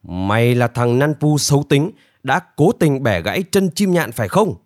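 A man voicing a stern, menacing bandit warrior in a storybook tale, talking in a gruff, commanding way. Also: medium pitch, expressive, moderate pace, no echo, studio quality, close to an everyday voice. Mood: barking. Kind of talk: storybook character voice.

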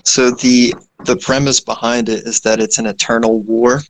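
A man's voice: medium pitch, level tone, normal speed, slight background noise, low-quality recording. A young man, an indie game developer, talking in a rambling, casual way with many fillers and asides. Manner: rambling, self-deprecating, frequent fillers. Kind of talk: casual conversation.

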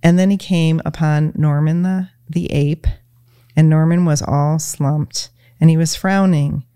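A woman as a podcast guest, talking in a gentle, reflective way with many "you know"s. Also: low-pitched, fairly even intonation, measured pace, clean tone, no echo, studio quality. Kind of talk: casual conversation, retelling a children's story.

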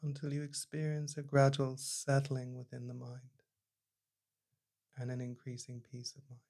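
A male meditation teacher guides listeners inward with a calm, soft-spoken delivery. His voice stays remarkably level and even in pitch, with a gravelly fry at the bottom of his range. Phrases fade away quietly as each instruction settles. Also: moderate pace.

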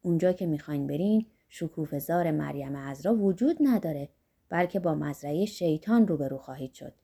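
A woman's voice: sits low, expressive, gravelly, dark tone, slightly rough, voice pushed down, heavily acted. A woman voicing a wild-eyed, half-mad male monk who rants and pleads fervently, in an audiobook. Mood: ranting.

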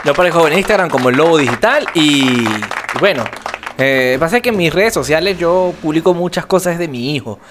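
Casting: male podcast co-host, fairly high voice, animated intonation, joking colloquial chat, noisy clicky recording. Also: brisk, a crowd in the background.

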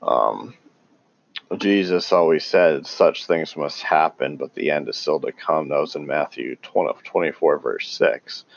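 Casting: very low gravelly man, unhurried, halting, dull lo-fi recording. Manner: halting, many ums and restarts; calls himself tongue-tied. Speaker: religious commentator. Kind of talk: casual unscripted talk on scripture.

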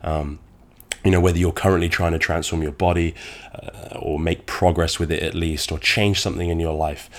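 A man's voice: sits low, fairly even intonation, moderate pace. A man with a nasal, congested voice from a cold, hosting a solo podcast in a conversational, wordy and slightly dramatic way. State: getting over a cold. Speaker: podcast host.

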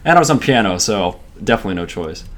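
A man's voice: lowish voice, animated, fast talker, fairly bright tone, a little hiss or hum. A man co-hosting a podcast, chatting casually, rambling from topic to topic and swearing now and then. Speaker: podcast co-host. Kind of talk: casual chat.

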